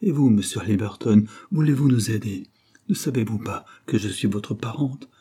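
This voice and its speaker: A man's voice: normal speed, mellow, slightly rough. A man reading an audiobook, voicing a frantic, ruined middle-aged woman who pleads insistently for help. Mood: desperate pleading. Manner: shrill, hand-wringing, insistent.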